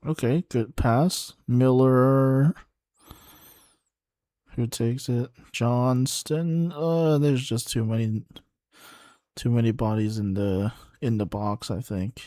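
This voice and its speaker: Slow-talking man watching a match. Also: medium pitch, steady tone, mellow, dry recording, clean studio sound. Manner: halting, restarts words, thinks aloud. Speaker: watchalong streamer. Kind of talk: casual live match commentary.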